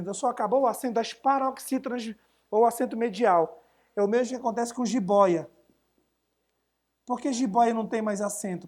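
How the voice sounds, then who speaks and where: A man teaching an essay-writing class live online, chatting casually and answering viewers' questions as he goes. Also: sits high.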